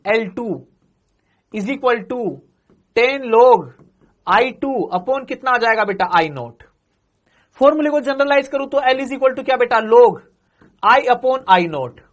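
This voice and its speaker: High-voiced male physics teacher, questioning. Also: expressive, takes it slowly, long pauses. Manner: keeps calling students "beta" and quizzing them with questions he answers himself; repeats each phrase several times. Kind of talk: exam-prep classroom lecture.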